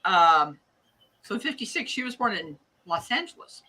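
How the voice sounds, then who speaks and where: A woman's voice: mid-range voice, sing-song, normal speed, pushed and bright. An older American woman with a Midwestern accent chats casually in a folksy, rambling way as she leads a live craft class. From United States. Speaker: hat loom craft class teacher. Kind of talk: casual live tutorial chat.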